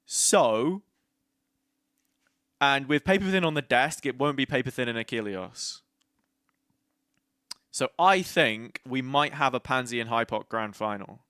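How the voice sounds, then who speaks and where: A man's voice: medium pitch, lively intonation, a little slow, long pauses, bright, forceful tone, clean tone, no echo, studio quality. A man with a British accent hosting a casual watch party stream, chatty and easily sidetracked. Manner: chatty, easily sidetracked, talks over the broadcast. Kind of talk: casual live stream commentary.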